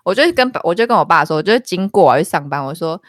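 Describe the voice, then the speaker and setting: A young woman chats on a podcast, rattling off family stories at a brisk clip. Her pitch jumps around as she acts out what everyone said. The recording is dry and close. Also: dry recording. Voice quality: animated storyteller, acts out family dialogue. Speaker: podcast co-host. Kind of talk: casual podcast chat.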